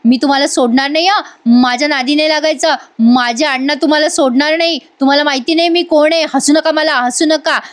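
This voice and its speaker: A woman voicing a defiant, panicked young woman in jail, shouting threats and boasting about her father. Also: high voice, brisk, hardly any pauses, natural voice.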